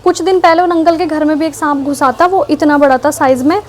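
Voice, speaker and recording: Young woman, high voice, animated breathless storytelling, repeats herself. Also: a little fast. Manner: animated, breathless retelling with many repetitions. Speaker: vlogger. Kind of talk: personal storytelling.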